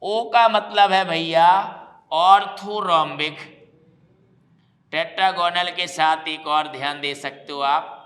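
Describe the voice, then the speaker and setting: A male chemistry teacher walks students through exam revision. His voice sits high and sounds bright. He talks slowly and repeats key words patiently. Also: steady tone. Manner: repeats key terms and explains them patiently, addresses students as "bhaiya".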